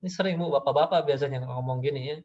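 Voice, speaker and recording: A man's voice: mid-range voice, very fast, a little mellow. A middle-aged man giving a casual parenting talk to mothers, chatty and repetitive, acting out parents and children as he goes. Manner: chatty, repeats "gitu ya", acts out parents and children. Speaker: parenting speaker. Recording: dull lo-fi audio.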